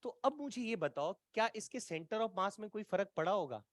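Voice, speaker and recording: A man's voice: high-pitched, expressive, normal speed, no room sound, studio quality. A man teaching an exam-prep physics lecture, coaxing and colloquial, often checking whether students follow. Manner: colloquial, playful teasing tone.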